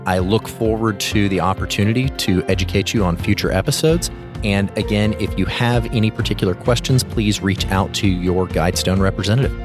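A man's voice: fairly low pitch, fairly quick, over music. A man hosting a podcast in a conversational but businesslike style, addressing guest and audience. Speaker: podcast host.

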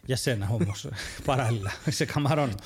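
A man co-hosting a podcast in casual chat, animated and often laughing at his own stories. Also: mid-range voice, husky. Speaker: podcast co-host.

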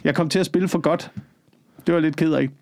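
A man's voice: on the high side, steady tone, gravelly, a little mellow. A comedian man co-hosting a podcast, talking earnestly and hesitantly with fillers. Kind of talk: casual podcast chat.

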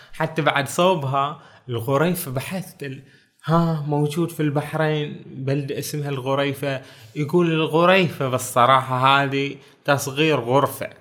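A man with a Bahraini Arabic accent talking casually through a book, reading verses slowly and adding joking asides. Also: fairly high pitch, a bit bright. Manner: chatty, quotes verses slowly, jokes aside. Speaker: book reviewer. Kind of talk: casual spoken book talk.

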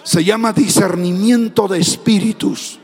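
A man preaching a fiery sermon as a pastor, shouting and half-singing his phrases. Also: sits high, fairly even intonation, measured pace, creaky, husky, big-room sound. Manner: speaking in tongues.

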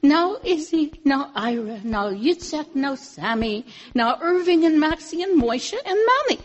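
Woman putting on a high, jolly old Santa. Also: sing-song, unhurried, lo-fi sound. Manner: cheery, exclaiming in Yiddish. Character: jolly Yiddish-speaking Santa, old man.

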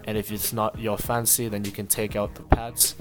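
A man hosting a podcast, giving a relaxed, slightly hesitant sponsor read. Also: on the low side, normal speed, loud music behind the voice. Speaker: podcast host reading a sponsor spot. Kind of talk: casual ad read.

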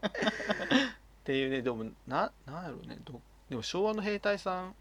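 A man's voice: sits high, animated, a little fast, a bit bright. A man co-hosting a casual podcast chat, reading listener mail aloud and laughing often. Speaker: podcast co-host.

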